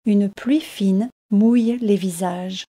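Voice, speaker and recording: A woman narrating a story for language learners in a calm, evenly paced, scripted reading. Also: mid-range voice, takes it slowly.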